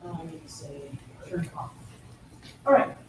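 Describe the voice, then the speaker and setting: Woman pitching a startup in an echoey room. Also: animated, unhurried, a little mellow, recorded from a distance, a little hiss or hum. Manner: explanatory, guiding audience step by step. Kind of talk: business pitch with live demo.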